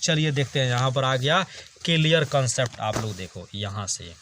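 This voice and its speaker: A man's voice: medium pitch, animated, normal speed, a bit bright, slight background noise. Guy teaching grammar on a video, reads lists, cracks jokes, chatty. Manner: chatty, jokes with students, drills word lists. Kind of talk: online grammar lesson.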